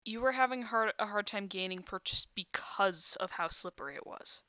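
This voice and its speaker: A woman's voice: medium pitch, moderate pace, sharp tone, no echo, lo-fi sound. A woman narrating as game master of a tabletop game, describing scenes with many "uh"s. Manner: descriptive, filler-heavy with frequent "uh".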